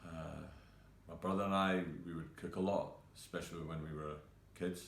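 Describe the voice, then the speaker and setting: An actor playing a grieving young male cook who talks in a halting, hesitant way full of fillers. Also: low voice, steady tone, fairly bright tone, roomy sound, a little hiss or hum. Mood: subdued. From Scotland. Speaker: actor performing a monologue. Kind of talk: self-tape monologue.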